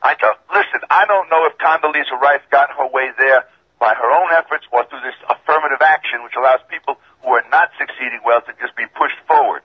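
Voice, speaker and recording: A man from Georgia calling in to a radio show, insistent and calmly argumentative, his voice tinny and metallic over a bad phone line. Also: medium pitch, quick pace, breathy edge. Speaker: caller. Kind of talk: call-in radio caller.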